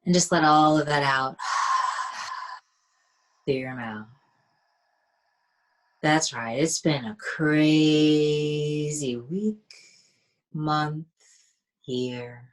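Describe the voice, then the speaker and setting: A woman leading a guided meditation in a soft, soothing, half-whispered voice. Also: deep voice, drawn-out words, long pauses.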